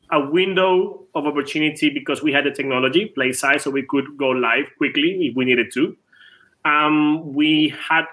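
Bright-voiced Venezuelan man in his thirties. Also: medium pitch. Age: 30s. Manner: quick, repeats words at starts. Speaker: tennis club co-owner. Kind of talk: casual interview.

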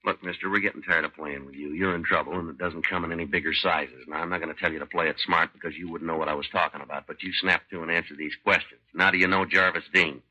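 An actor playing a tough, terse American police detective who also narrates in a deadpan, matter-of-fact way, in 1950s radio drama style. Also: male voice, deep voice, fast talker, few pauses, heavily acted, rough recording. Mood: stern, fed up.

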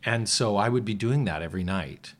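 A man's voice: lowish voice, lively intonation, fairly quick. A man, a musical theatre actor, talking as a guest in a casual conversation, reflective and rambling, often restarting his sentences.

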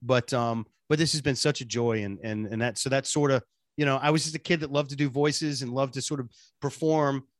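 Man, from Boston, radio sidekick, casual interview chat, earnest storyteller, middle pitch. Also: steady tone, a little fast, dry recording, clean studio sound. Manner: earnest, chatty storytelling with self-deprecating asides. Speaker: radio producer and sidekick guest.

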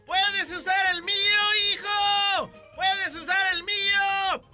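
A man voicing a patient mother in a joke, high and singsong. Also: steady tone, takes it slowly, sharp tone, soft background music, heavily acted. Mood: coaxing. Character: patient middle-aged mother.

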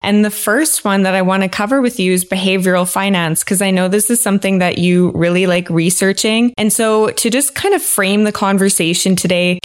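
A woman's voice: mid-range voice, clean tone, no echo, clean studio sound. A woman hosting a podcast, reading the episode intro and asking friendly, upbeat questions. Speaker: podcast host.

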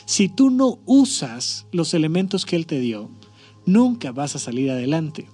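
A man hosts a podcast, telling parables in a conversational way and checking in with listeners as he goes. His voice sits slightly high, with soft music faintly underneath. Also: sing-song, a little slow. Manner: conversational, asks listeners to agree. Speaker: podcast host. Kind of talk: storytelling talk.

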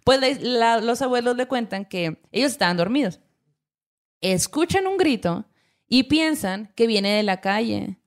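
A Mexican woman hosting a podcast, telling a supernatural story in a casual, slangy, lively way. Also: fairly high pitch, a little slow. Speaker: podcast host.

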